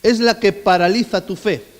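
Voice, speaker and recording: A man's voice: high voice, fairly even intonation, moderate pace. A man preaching a sermon as pastor, emphatic and dynamic, often asking the congregation questions. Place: church hall. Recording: long hall reverb.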